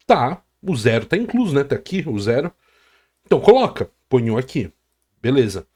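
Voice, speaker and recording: A man's voice: medium pitch, a little mellow. A man with a Brazilian Portuguese accent teaching a coding lesson, explaining step by step and often checking in with the listener. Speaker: programming teacher. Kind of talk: screen-recorded coding lesson.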